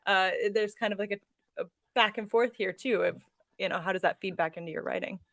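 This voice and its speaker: A woman with a mid-range voice hosts a relaxed author interview. She is chatty, casual and easily amused as she talks. The sound is dry, with very little room in it. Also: mid-range voice, fairly quick, gravelly, no echo. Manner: chatty, laughs easily while talking. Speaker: livestream host and fellow author.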